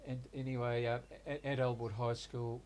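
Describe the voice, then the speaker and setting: He is an interviewee in his sixties recounting his life, and the talk is a reflective life-story interview. Hungary is his birthplace and Hungarian his first language, though he grew up in Australia. His mid-range voice stays flat and even while he speaks haltingly, hesitating with many pauses and restarts, over slight background noise.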